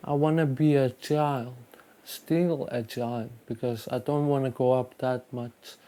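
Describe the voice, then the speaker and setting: An eighteen-year-old man from Greenland who is a young dancer, giving hesitant interview answers with many pauses. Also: mid-range voice, fairly even intonation, mellow. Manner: hesitant, halting with many fillers.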